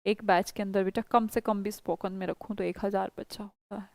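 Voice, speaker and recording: A woman's voice: mid-range voice, steady tone, fairly quick, creaky, a little mellow, no echo. A woman with an Indian accent teaching a spoken English class online, coaxing and reassuring her students.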